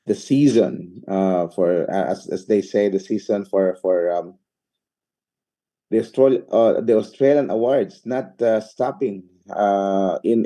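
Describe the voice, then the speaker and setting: Halting man with a dark voice. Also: on the low side. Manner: halting, many uhs and repeated words. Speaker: interview host. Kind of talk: hesitant interview questions.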